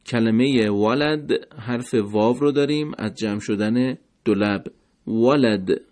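Male teacher, mid pitch, patient lesson delivery with slowed word demonstrations. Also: darkish tone. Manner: slow, deliberate, repeats words to demonstrate sounds. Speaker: recitation teacher. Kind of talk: pronunciation lesson.

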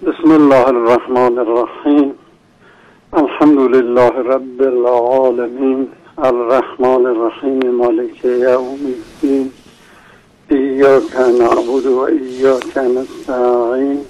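Mellow-voiced male caller on a phone line. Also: mid-range voice, level tone. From Hamadan, Iran. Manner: recites slowly and devoutly, then asks questions hesitantly. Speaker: radio caller. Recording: phone line into a radio show.

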